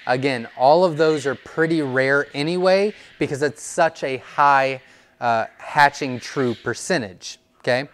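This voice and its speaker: A young man, a quail breeder, explaining his birds in an informal teaching video. He talks in a relaxed way with plenty of "um" and "uh", recorded on a lapel mic indoors. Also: mid-range voice, measured pace. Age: young adult. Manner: relaxed, explanatory, many fillers. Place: indoors, seated before a wooden wall. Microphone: clip-on lapel mic.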